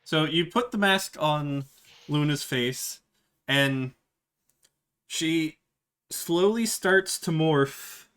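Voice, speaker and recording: A man narrating a tabletop game as game master, halting with many fillers and restarts. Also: a little high, fairly bright tone, smooth.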